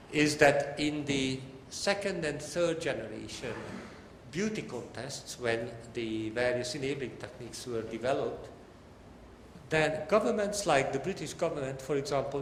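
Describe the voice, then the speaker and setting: Lecturing on a technical subject, this older professor keeps things conversational, tossing in wry asides and leaning hard on certain words. He has a medium-pitched, slightly bright voice with lively intonation and an unhurried pace. Faint noise and echo fill the big lecture hall.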